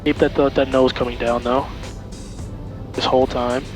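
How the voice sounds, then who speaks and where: A man gives calm intercom instructions as a flight instructor in a small plane cockpit. His tone stays flat and reassuring as he walks through each step in short, repeated phrases. Music plays clearly behind him. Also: medium pitch, moderate pace. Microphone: aviation headset intercom.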